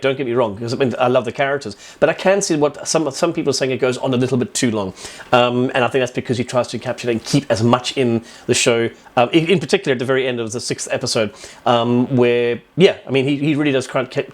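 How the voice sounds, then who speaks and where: A man giving a casual spoken review, chatty and enthusiastic, rambling with lots of fillers and restarts. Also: medium pitch. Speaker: video reviewer.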